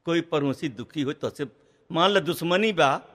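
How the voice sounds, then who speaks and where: A man's voice: a little high, normal speed, a bit bright. A man with a Bhojpuri accent telling a devotional folk tale in preaching tones, speaking straight to his listeners as friends. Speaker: folk singer and storyteller. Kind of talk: devotional Birha storytelling between sung refrains. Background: faint instrument music.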